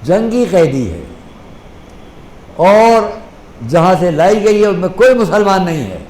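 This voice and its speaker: A man preaching a sermon at a mourning gathering with an Indian Urdu accent, drawing out quoted scripture slowly and dropping to a soft voice for acted exchanges. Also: high voice, expressive. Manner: impassioned, stretches Quranic phrases slowly, drops to a soft voice to act out exchanges. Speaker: maulana preaching at a majlis. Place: mourning hall. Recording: echoey hall, faint ambience.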